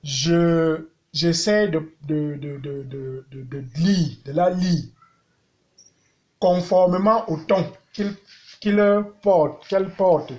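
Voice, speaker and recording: A man teaching a language lesson, speaking deliberately and repeating words as he sings out vowels to show their tones. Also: fairly high pitch, a little mellow, highs cut off.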